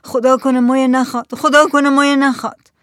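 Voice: sits high, level tone, a bit bright, dry recording, studio quality, pitched above the performer's own voice. A reader voicing an eager, anxious male fisherman who speaks up in a keen, pleading way.

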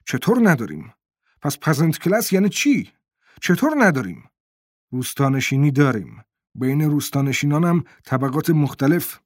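Guy doing an angry know-it-all yelling, pitch pushed up, dry close sound. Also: big pitch swings, dry recording. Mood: indignant shouting. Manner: shouting, indignant. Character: agitated middle-aged male intellectual, hot-tempered.

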